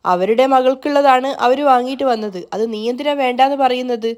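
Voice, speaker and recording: A woman's voice: high-pitched, a little fast, highs cut off, lightly acted. A woman voicing a fawning, greedy uncle. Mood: pleading. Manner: eager, fawning. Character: scheming greedy middle-aged uncle, fawning.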